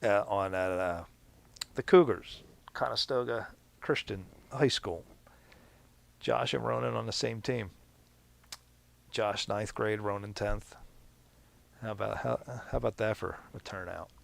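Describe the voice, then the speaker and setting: A man's voice: unhurried, vocal fry, long pauses. A middle-aged man with a Pennsylvania accent, hosting a podcast and telling a rambling, enthusiastic story. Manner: rambling, enthusiastic, acts out quoted people in a high voice. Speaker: podcast host and league announcer. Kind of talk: casual storytelling.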